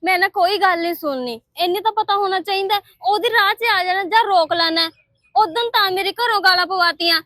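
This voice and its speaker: A woman's voice: very high voice, fairly quick, sharp tone, no echo, studio quality. A woman playing a curt young nurse. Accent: Punjabi. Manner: curt, dismissive. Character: young nurse brushing off a suitor, stern.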